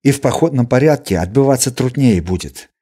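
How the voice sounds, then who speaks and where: A man reading the lines of a wary male caravan guard who speaks low and uneasy. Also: lively intonation, fairly quick, warm tone, slightly rough. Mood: uneasy, hushed.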